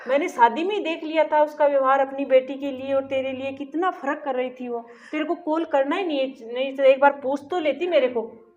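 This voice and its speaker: A woman's voice: high-pitched, fairly quick, natural voice. A woman playing a doting mother-in-law. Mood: consoling. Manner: soothing and fussing. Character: caring, motherly middle-aged mother-in-law. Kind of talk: amateur family short-film acting. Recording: dull lo-fi audio, soft music.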